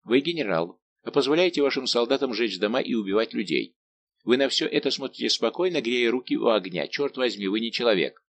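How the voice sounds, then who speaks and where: A man's voice: mid-range voice, expressive, a little fast, vocal fry. A man voicing a hot-headed, bold young musketeer who speaks in an impetuous, exclamatory way. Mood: outraged.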